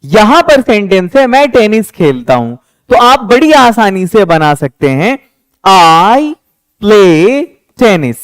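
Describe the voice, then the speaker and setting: A young man teaching a spoken English lesson, patiently explaining and slowly repeating example sentences. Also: high-pitched, sing-song, smooth, dry recording.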